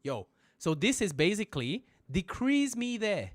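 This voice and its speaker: A man teaching phrases in a live-streamed lesson, joking, swearing casually and making loud sound effects. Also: high-pitched, sing-song, unhurried, no echo, clean studio sound. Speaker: Korean language teacher.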